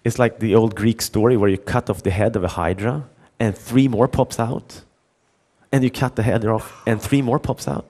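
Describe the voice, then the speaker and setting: A man's voice: lowish voice, fairly even intonation, moderate pace, warm tone. A middle-aged man giving a conference talk, telling a story with many restarts and repeated words and acting out the dialogue. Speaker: conference speaker.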